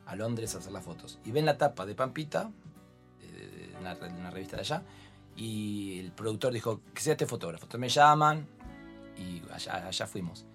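A man with an Argentine accent, a fashion photographer being interviewed, telling lively anecdotes and acting out voices. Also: on the low side, normal speed, gravelly, faint music behind. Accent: Argentine Spanish. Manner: expressive storyteller, acts out voices. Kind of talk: animated anecdotal chat.

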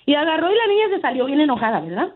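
A woman calling in to a radio show, telling a family story in an animated way and acting out her relatives' words. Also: sits high, very fast. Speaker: radio caller. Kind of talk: phone-in story. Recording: tinny phone line.

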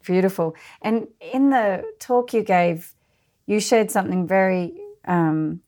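A woman co-hosting a spiritual conversation, gentle and affirming as she responds. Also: lowish voice. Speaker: podcast co-host.

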